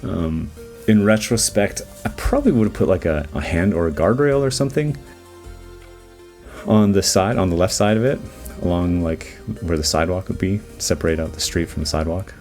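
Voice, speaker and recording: The very low-voiced artist walks through his 3D modeling process at normal speed, casual and rambling, pausing often to begin his thoughts again with plenty of fillers. Soft music plays faintly in the background of this timelapse voice-over.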